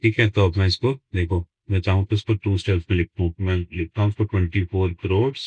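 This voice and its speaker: Low-voiced man teaching maths slowly. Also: steady tone, a little mellow, breathy edge, no echo, lo-fi sound. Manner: slow, deliberate, dictates numbers word by word while writing. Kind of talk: step-by-step lesson explanation.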